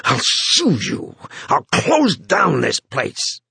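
Man doing a hoarse, panting angry businessman. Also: a little high, huge pitch swings, normal speed, sharp tone, no room sound, pitched above the performer's own voice, heavily acted. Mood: frantic, angry. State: out of breath. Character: frantic grieving businessman, short-tempered, panting.

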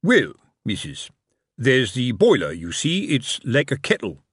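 A man's voice: mid-range voice, wildly swooping pitch, a bit bright, husky, no echo, clean studio sound, heavily acted. A man doing a blustering old-school sergeant. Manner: bluffing, slow and drawn out. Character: blustering middle-aged male watch sergeant.

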